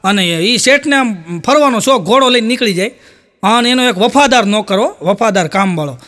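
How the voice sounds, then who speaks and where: A man telling stand-up jokes, acting out the characters' lines in a higher voice. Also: expressive, moderate pace, bright, forceful tone. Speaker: stand-up comedian.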